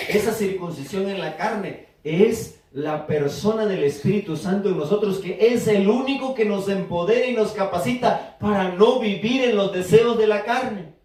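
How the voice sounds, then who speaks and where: This preacher's voice is high with a darkish tone as he teaches his congregation and invites them to respond. The sound is distant and echoes around the church room.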